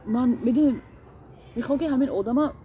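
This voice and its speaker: A woman's voice: high-pitched, muffled recording, slight background noise. A woman, a guest in a casual interview, talking earnestly and hesitantly with many fillers and restarts.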